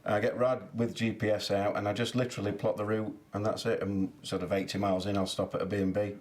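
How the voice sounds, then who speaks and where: A man's voice: lowish voice, flat delivery, quick pace, darkish tone. A man, a charity cyclist chatting as an interview guest and laughing as he tells stories. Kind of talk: interview chat.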